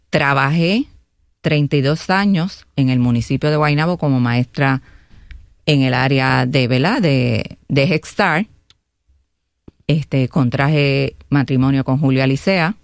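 A woman's voice: low voice, smooth, no room sound. A Puerto Rican woman in her fifties, a mayoral candidate speaking earnestly in a studio interview and often checking in with "¿verdad?". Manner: earnest, fills pauses with "¿verdad?". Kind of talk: radio interview.

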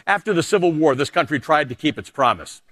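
Animated and fast, this Canadian anchor in middle age mixes forceful political commentary with a personal essay, sinking into a lower register for private asides. His tone is a bit bright and the recording has no echo.

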